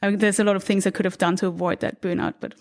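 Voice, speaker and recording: A woman's voice: mid-range voice, little pitch movement, very fast. A woman from Austria, in her thirties, talking reflectively as a podcast guest recorded in an apartment, laughing lightly now and then. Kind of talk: relaxed conversational interview. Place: apartment indoors.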